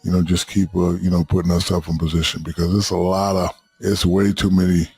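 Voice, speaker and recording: A man's voice: low voice, little pitch movement, fairly quick, darkish tone, breathy edge, dry recording, faint music behind. A man in his fifties, a podcast guest, telling rambling anecdotes in casual chat and swearing freely. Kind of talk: casual storytelling.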